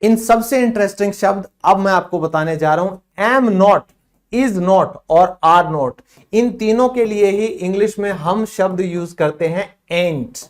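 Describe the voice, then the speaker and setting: High-voiced Indian man teaching English. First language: Hindi. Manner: explains in Hindi, models short English phrases slowly. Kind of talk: spoken English lesson.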